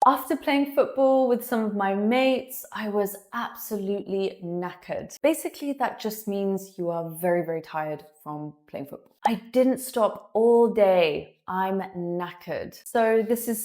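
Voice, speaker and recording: A young woman, teaching in an upbeat, clear way and acting out short example phrases. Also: fairly low pitch, darkish tone. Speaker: English teacher. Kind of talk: scripted lesson.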